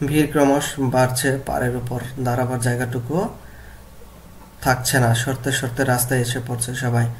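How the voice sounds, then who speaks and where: A man teaching a lesson, reading a story aloud and then explaining words and repeating them slowly to model their pronunciation. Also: medium pitch, flat delivery, slight background noise.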